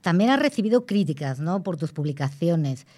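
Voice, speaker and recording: A woman's voice: on the low side, expressive, moderate pace, warm tone. A woman hosting a radio interview, asking supportive questions that end in probing tags.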